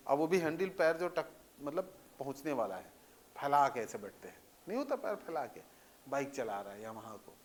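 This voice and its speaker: A man teaching a lecture in a conversational way, often checking that students understand with repeated questions. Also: on the high side. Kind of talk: classroom lecture.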